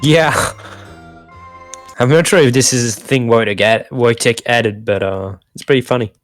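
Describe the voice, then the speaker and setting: A man's voice: medium pitch, normal speed. A man chatting casually about a game in an easygoing, hesitant way. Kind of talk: casual let's play chat. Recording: faint music underneath.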